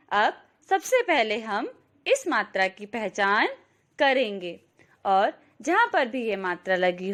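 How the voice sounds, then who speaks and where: A woman teaching a slow, clear phonics lesson to young children, stretching out each syllable and often calling out to them. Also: a little high. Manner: drawn-out syllables, addresses children warmly; very slow, careful pace. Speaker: kindergarten teacher.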